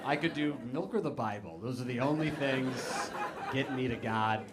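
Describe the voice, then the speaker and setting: A man's voice: medium pitch, lively intonation, moderate pace, heavy background noise. A man performing a self-deprecating stand-up comedy set, telling stories and acting out other people's lines. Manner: self-deprecating storytelling with acted-out quotes. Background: audience laughter.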